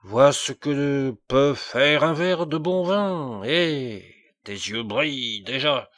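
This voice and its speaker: A man voicing a fat, cruel, bullying king who taunts and shouts at his jester. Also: mid-range voice, lively intonation, takes it slowly, heavily acted. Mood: mocking. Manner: loud, mocking, furious outbursts.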